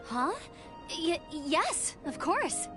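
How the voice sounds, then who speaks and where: A woman's voice: very high voice, big pitch swings, extremely slow, full character voice. A woman voicing a friendly, eager teenage girl in an anime game, with a perky manner. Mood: flustered, tired. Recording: music behind the voice.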